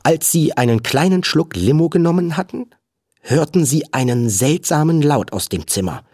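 Guy reading a kids book slow and animated, husky, dry sound. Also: on the high side, dry recording. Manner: slow, lively storytelling. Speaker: audiobook reader. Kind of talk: storybook reading.

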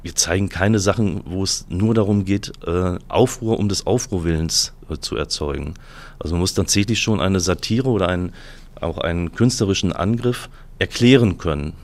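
Low male voice, hesitant and careful interviewee. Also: moderate pace, darkish tone. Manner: hesitant, many fillers. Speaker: museum director. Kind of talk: interview answers.

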